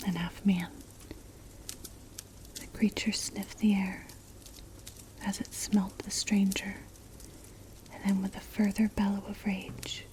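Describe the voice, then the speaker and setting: A woman narrating a story for ASMR in a breathy, unvoiced whisper, gentle and measured, close to the mic. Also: medium pitch. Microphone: close mic, ear-to-ear ASMR. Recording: clear background noise, clicks. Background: crackling fire.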